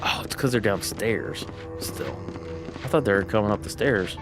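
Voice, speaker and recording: A man's voice: on the low side, animated, moderate pace. A man from the United States chatting casually while he plays a game on a livestream. He rambles, thinks aloud and corrects himself, with lots of fillers. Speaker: streamer. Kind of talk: casual gameplay livestream chat. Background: game music.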